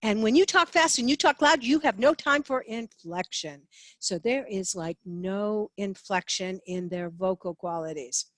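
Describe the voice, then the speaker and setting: A woman teaching a slideshow lesson on sales, lively and expressive, sweeping her voice up and down to show inflection. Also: medium pitch, a little slow, dry recording. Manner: lively, sings phrases up and down to demonstrate inflection. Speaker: sales trainer.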